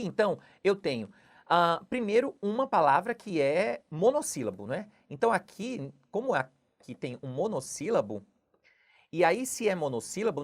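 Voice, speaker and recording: A low-pitched woman teaches Portuguese grammar by walking through exam questions. She explains patiently and keeps checking in with the listener after each point. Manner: explanatory, repeats "não é?" and "tudo bem?" often. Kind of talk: exam question walkthrough lesson.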